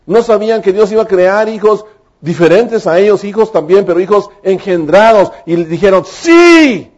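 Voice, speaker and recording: A man's voice: high voice, moderate pace, a little mellow. A man, preaching a sermon with emphatic, fervent delivery. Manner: emphatic, rising to fervent exclamations. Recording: dull lo-fi recording.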